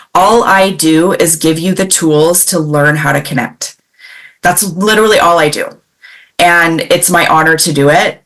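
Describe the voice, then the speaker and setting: A woman from the Pacific Northwest, a parenting coach telling a client story in a lively, conversational way, acting out quoted dialogue. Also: sits low. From Pacific Northwest, USA. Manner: animated, acts out quoted dialogue, many fillers.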